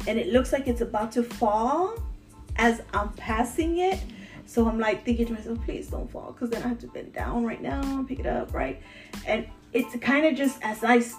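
A woman chats on a podcast with her brother, her voice high and bright. She rambles animatedly through stories and laughs often, with faint music playing behind her. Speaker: podcast co-host. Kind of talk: casual chat, storytelling.

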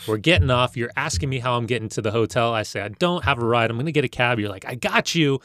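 A middle-aged man hosts a casual, chatty interview. He talks in a familiar, rambling, anecdotal manner at a medium pitch, with a dry, close sound. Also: fast, fairly bright tone, dry recording. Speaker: interview host.

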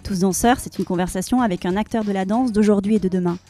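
A woman hosting a podcast, reading a lively scripted welcome over music, then asking her guest questions. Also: mid-range voice, fast talker. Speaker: podcast host.

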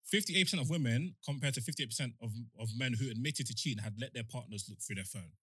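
Young man, London accent, slightly rough bright voice, casual podcast delivery, reading out statistics, dry close sound. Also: medium pitch, fast talker, dry recording. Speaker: podcast co-host.

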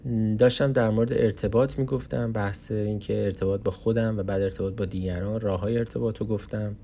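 Tired, hesitant man with a gravelly low voice. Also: fairly even intonation, mellow, a little hiss or hum. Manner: hesitant, many pauses and fillers. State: tired from lack of sleep. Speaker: podcast host. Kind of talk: unscripted personal podcast monologue. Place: small office, alone.

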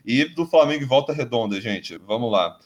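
A man's voice: medium pitch, expressive, normal speed. Brazilian man hosting a rambling podcast. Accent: Brazilian Portuguese. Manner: rambling, swears freely, many restarts. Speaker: podcast host. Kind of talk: casual sports podcast chat.

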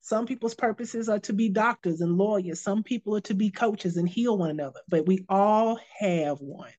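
A life coach in her fifties talks earnestly and encouragingly in a casual podcast chat, often repeating phrases for emphasis. Her medium-pitched voice has a darkish tone and moderate pace, and the recording is muffled.

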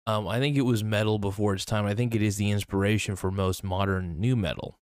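A man with a lowish voice hosts a podcast in a dry, close-sounding recording. He boasts in an ironic, tongue-in-cheek way and rambles, stumbling through fillers and restarts. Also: fairly even intonation, fairly quick, a little mellow, clear, resonant tone, dry recording. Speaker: podcast host. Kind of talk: sarcastic mock-boastful monologue. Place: at a computer, screen-sharing.

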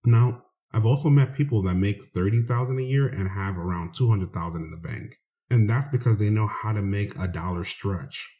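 Host guy with a low mellow voice, earnest and chatty, kinda dull lo-fi sound. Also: normal speed. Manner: earnest, admiring, conversational. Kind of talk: casual spoken introduction. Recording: dull lo-fi recording.

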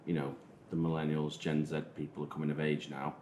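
A man with a Manchester accent talking casually as a podcast host, often halting and rephrasing. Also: a bass voice, level tone, a little mellow. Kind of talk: casual discussion of digital marketing. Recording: roomy echo, faint noise.

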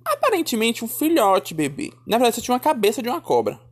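A man telling a childhood story in a lively, chatty way, calling his listeners darling and my son. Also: extremely high pitch, quick pace. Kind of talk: casual storytelling.

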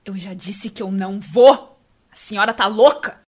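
A woman playing a rebellious young daughter who shouts back at her mother and pleads. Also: mid-range voice, moderate pace, slightly rough, close to an everyday voice. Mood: defiant. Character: defiant teenage daughter, rebellious.

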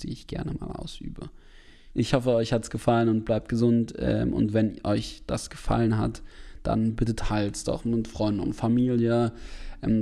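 Gravelly, low-voiced male storyteller. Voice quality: gravelly, dark voice. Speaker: podcast host. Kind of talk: reading his own story, then casual chat.

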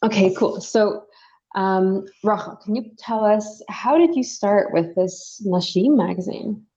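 A woman's voice: medium pitch, measured pace, dark tone. A woman hosting an interview, chatty and friendly, with many fillers. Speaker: interview host. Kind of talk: casual interview conversation. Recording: dull lo-fi recording.

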